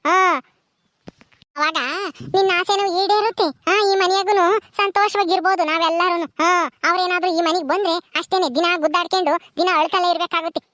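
A woman's voice: very high-pitched, fairly bright tone, no echo, clean studio sound. A woman voicing a scheming, greedy elder sister in a cartoon, talking with a mocking, scolding sneer.

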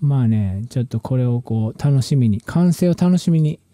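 A man's voice: medium pitch, normal speed, dry recording, studio quality. A musician talking casually about his own production work, in a loose, rambling way with slangy phrasing and frequent restarts. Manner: relaxed, rambling, slangy speech with many restarts. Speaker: musician and channel host.

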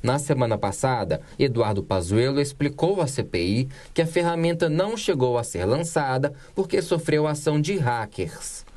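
Steady woman reading news. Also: rumbling low. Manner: steady, measured read. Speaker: news reporter. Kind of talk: scripted news narration.

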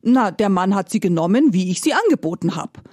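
A woman's voice: mid-range voice, sing-song, brisk, a little mellow, no room sound, studio quality. A woman voicing a simple-minded male farmer who talks in a folksy, exclaiming way. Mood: naive.

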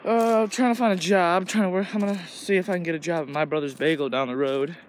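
Teenage boy, from Illinois, rambling crude vlog talk, slightly high voice, noisy outdoor phone recording. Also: steady tone, quick pace. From Illinois, USA. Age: teens. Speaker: vlogger. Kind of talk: casual walking vlog. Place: outdoors in woods. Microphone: phone camera held while walking.

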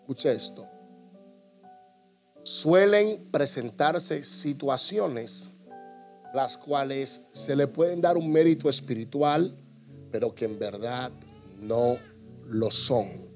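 A man preaching a humorous sermon to his congregation, animated and jokey, acting out little scenes. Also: mid-range voice, slow, long pauses, faint music behind. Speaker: pastor.

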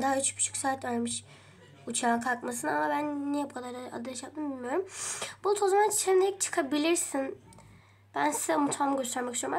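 High-voiced chatty woman vlogging a game. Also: a little hiss or hum. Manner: chatty, addresses viewers often, mild swearing. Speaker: game role-play vlogger. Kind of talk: narrating a pretend trip vlog in a game.

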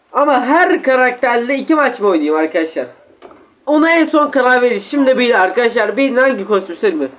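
A man with a sore throat giving excited gameplay commentary at home, exclaiming and talking straight to his viewers. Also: sits high. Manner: animated, exclaiming, keeps addressing viewers as friends. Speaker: gaming YouTuber.

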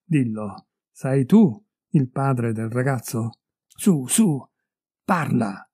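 A man's voice: mid-range voice, animated, drawn-out words, warm tone, breathy edge, dry recording, studio quality, exaggerated voice. A man doing a furious betrayed husband. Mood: furious, accusing. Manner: raised, heated and accusing. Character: wronged middle-aged husband, bitter and furious.

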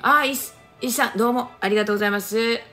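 A middle-aged woman from Kagoshima, Japan, speaks very fast in a high, pushed, bright voice with faint music behind her. She's a livestream host chatting casually on her phone in a Kagoshima accent, reading viewer comments and greeting people by name.

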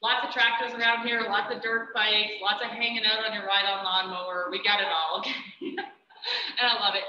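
A woman hosting a live animal trick demonstration, chatting excitedly and coaxing her animals with endearments. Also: medium pitch, a little fast. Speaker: dog trainer and show host. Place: out in the country. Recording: roomy echo, distant dull mic, noisy ambience.

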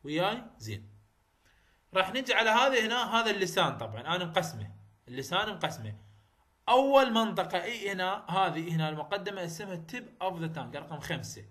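Iraqi guy teaching a phonetics class, high bright voice, keeps repeating stuff and asking if it's clear. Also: big pitch swings, a little fast. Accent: Iraqi Arabic. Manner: repetitive, checks understanding, mixes English terms into Arabic. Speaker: university English lecturer. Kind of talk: recorded phonetics lecture.

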